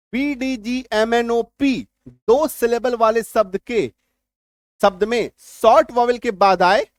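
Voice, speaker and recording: A man with a fairly high voice teaches spelling and spells words out letter by letter. He repeats each point and often checks that his students understand. The sound is dry and close, with no room echo. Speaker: English teacher. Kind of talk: spelling lesson.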